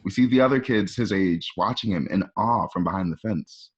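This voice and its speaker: Here a fairly low-voiced man narrates stage directions for a radio play, describing scenes in present tense from a script. He speaks fairly quickly, and the high frequencies are cut off.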